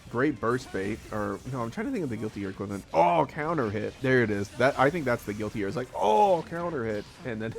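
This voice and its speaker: A man's voice: mid-range voice, animated, fast talker, vocal fry, hardly any pauses, soft background music. A man casually commentating a live fighting-game tournament, rambling and chuckling often.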